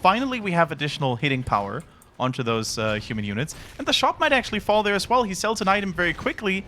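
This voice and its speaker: A man with a Dutch accent giving lively live play-by-play commentary on a strategy game. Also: fast talker, slight background noise. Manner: excited play-by-play, rising pitch at big moments. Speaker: esports caster.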